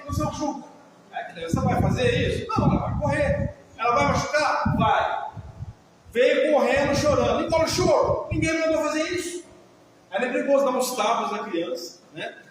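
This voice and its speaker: Speaking on emotional healing, a very high-voiced man with a Brazilian Portuguese accent addresses a live audience in a conversational way, tossing many questions to the room. The recording picks him up from far away in a large hall, with heavy echo, long reverb, and faint hiss beneath.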